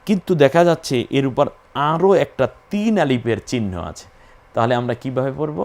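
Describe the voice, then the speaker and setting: A man's voice: mid-range voice, animated, normal speed, darkish tone. A man teaching Quran recitation, patiently spelling out and repeating each letter and sound in a methodical lesson.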